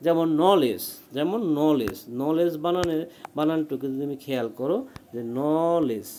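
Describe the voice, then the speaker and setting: A man's voice: fairly high pitch, normal speed, warm tone, a little hiss or hum. A man, teaching a spelling lesson. He is patient and explains letter by letter, often checking that the listener follows.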